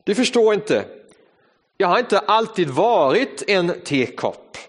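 A man's voice: sits high, voice pushed up, natural voice. A man voicing a suffering teacup that cries out and begs its maker to stop. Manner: anguished, pleading cries. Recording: reverberant hall.

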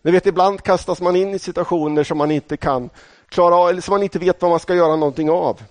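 A middle-aged man from Sweden, high-pitched and recorded with no room sound, preaches a sermon. He talks conversationally, draws on stories from his own life, and speaks right to the people in front of him.

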